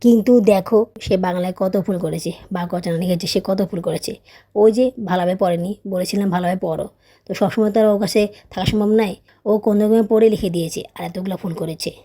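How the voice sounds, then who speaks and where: A woman in her young adult years narrating her daily vlog as a voice-over, quick and chatty, with a soft, mellow tone. She tells her family story in a casual, personal way and keeps checking in with her listeners. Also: medium pitch, steady tone. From Bangladesh. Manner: chatty, storytelling, often adds tag questions; raised, scolding teacher voice when tutoring her child. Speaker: vlogger, mother.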